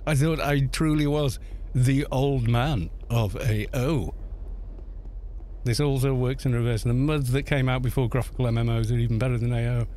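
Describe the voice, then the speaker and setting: Streaming a game, a man in his fifties from Wales rambles chattily, laughs readily and reads out the chat. His Welsh accent carries a hint of northern English, and his mid-range voice is dark and steady at a normal pace, with a bit of hiss or hum in the background.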